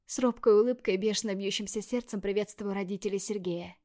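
A woman reading first-person scripted narration in a measured, expressive way. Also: medium pitch. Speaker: audiobook narrator.

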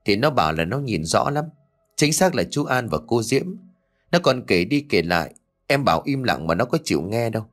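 A man voicing a worried young village wife and mother in a ghost-story audiobook, speaking anxiously and softly. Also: on the low side, big pitch swings, normal speed. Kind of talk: audiobook character voice.

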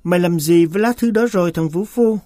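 A nervous, agitated master speaks here, as a man reads him aloud. He turns shrill and hisses when he loses his temper. The recording is dry and close, like a storybook read at the mic. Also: fast talker, dark tone, dry recording, natural voice. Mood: shrill, furious. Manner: shrill, hissing when upset.

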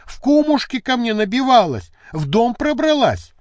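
A man voicing a frightened young maid who exclaims in an excited, breathless way, in an audiobook. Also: sits high, slow pace, no echo, clean studio sound, voice pushed up, heavily acted. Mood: agitated.

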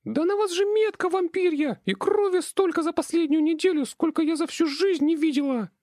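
A tiny demon imp girl, squeaking and whining in a piercing high voice, forever begging her master for mercy, voiced by a male narrator. Her voice sits very high and close, in a dry room. It is a storybook reading. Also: moderate pace, darkish tone, no echo. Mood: pleading. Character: squeaky pleading female imp demon servant. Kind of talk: audiobook reading.

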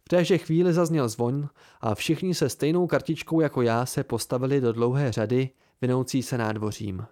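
A man reading a novel aloud in the first person with a measured, even delivery, recorded at home close to the mic. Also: medium pitch. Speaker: amateur audiobook reader. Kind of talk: first-person audiobook narration.

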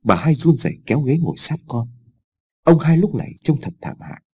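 Husky, expressive male story narrator. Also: medium pitch, a little fast. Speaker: audiobook narrator.

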